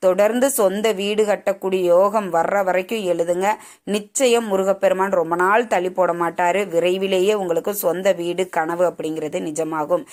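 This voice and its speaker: A woman giving spiritual advice in a casual, earnest way, coaxing listeners with rhetorical questions. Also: medium pitch. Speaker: devotional tips presenter. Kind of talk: informal spiritual advice talk.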